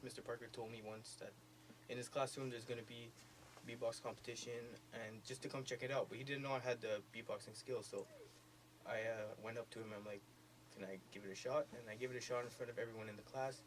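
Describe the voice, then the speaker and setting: A teenage boy who beatboxes, talking shyly and softly in a radio interview. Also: medium pitch, fairly even intonation, fast talker, slight background noise, rough recording. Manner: shy, soft-spoken, laughs a bit. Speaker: student beatboxer.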